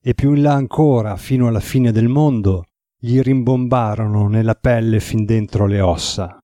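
A man reading a novel aloud as an audiobook narrator, in an even, measured way. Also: fairly low pitch, no echo.

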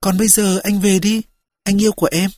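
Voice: medium pitch, little pitch movement, brisk, dry recording, studio quality, voice pushed up, natural voice. A reader putting on a frail, tender young woman. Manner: soft, pleading and intimate.

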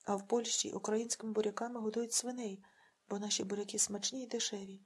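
A woman reading a novel aloud in an earnest, measured narration. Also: medium pitch, level tone, slightly rough. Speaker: audiobook reader. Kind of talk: scripted narration.

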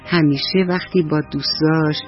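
A woman telling a bedtime story to children on the radio, speaking gently and addressing the kids directly. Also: low-pitched, fairly even intonation, soft background music. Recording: dull dry radio recording.

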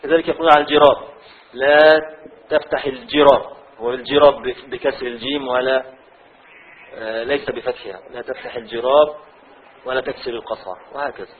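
A man with an Egyptian accent teaching a class on a classical law text. He reads a passage aloud, then explains it slowly with many repetitions. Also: medium pitch, steady tone, slight background noise. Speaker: religious teacher. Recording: tinny phone-like audio.

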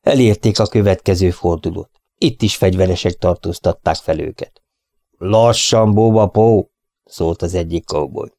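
A man reading an audiobook in a calm, measured way. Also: deep voice, gravelly, no room sound, clean studio sound. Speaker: audiobook narrator. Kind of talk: audiobook narration.

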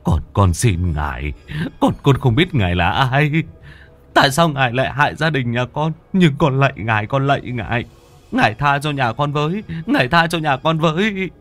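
A man's voice: medium pitch, sing-song, normal speed, fairly bright tone, faint music behind, voice pushed up. A man voicing a frightened older village man who speaks humbly, pleading and stammering. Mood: pleading terror.

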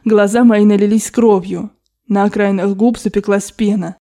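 Lady reading an audiobook, warm dark voice, dramatic and expressive. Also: mid-range voice, normal speed. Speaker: audiobook reader. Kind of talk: literary audiobook narration.

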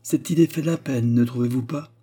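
A man's voice: mid-range voice, brisk, dark tone, breathy edge, close to an everyday voice. A man voicing a spirited young independent woman in an audiobook, impulsive and earnest. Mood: wistful. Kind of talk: audiobook character reading.

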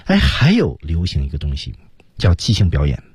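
A man's voice: rumbling low, huge pitch swings, moderate pace, darkish tone, husky, dry recording. A man hosting a radio English lesson, chatting casually and dotting his talk with filler particles, in a studio. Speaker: radio English teaching host.

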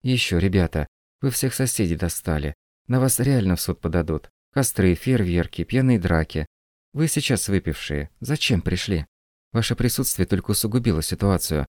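Brief: man reading a calm, businesslike young woman, low voice lifted a little, dry close sound. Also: no echo. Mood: stern. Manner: calm, measured, firm. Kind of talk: audiobook reading.

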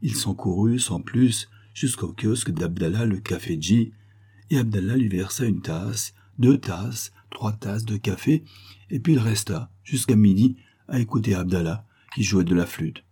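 Low, husky male storyteller. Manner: measured, expressive. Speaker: narrator. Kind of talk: storytelling reading.

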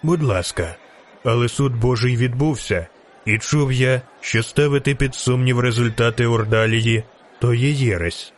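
A man voicing a calm, courteous barber with a coolly ironic manner, speaking lower than his narration in an audiobook reading. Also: a little slow, close to an everyday voice. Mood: cold.

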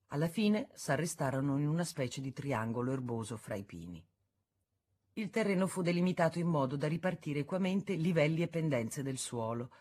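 A woman reading a classic novel aloud as an audiobook, in a measured, expressive narration. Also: low-pitched. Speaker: audiobook reader. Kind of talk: scripted literary narration.

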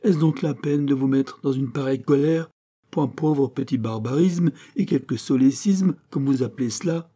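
A man's voice: mid-range voice, moderate pace, warm tone, voice pushed up, natural voice. A man voicing a clumsy teenage schoolboy who pleads and whines with his teacher, in an audiobook. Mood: pleading. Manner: pleading, whining.

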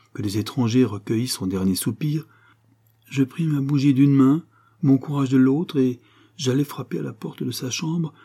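A man's voice: medium pitch, mellow, husky. A man reading aloud, voicing an earnest young woman who tells a story at length and is easily flustered.

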